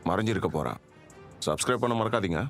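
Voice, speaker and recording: A man's voice: sits low, animated, fast, over loud music. A man playing a joking, laid-back agent in a dubbed action comedy. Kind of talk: dubbed movie dialogue.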